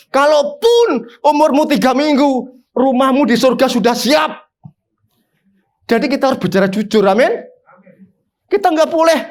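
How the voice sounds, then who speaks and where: A man, a pastor preaching a sermon in an animated way, with sudden high emphatic bursts.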